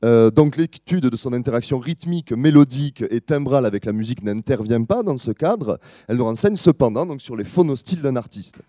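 A French-speaking man giving an academic talk as a musicologist, explaining in a measured way with frequent hesitations. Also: mid-range voice, expressive, mellow, dry recording, studio quality. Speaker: musicologist lecturer. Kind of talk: academic presentation.

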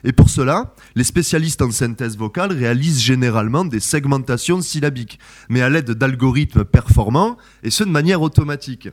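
Male researcher giving a methodical academic presentation, steady and careful, with frequent hesitations. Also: medium pitch, fairly quick. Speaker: researcher presenting his work.

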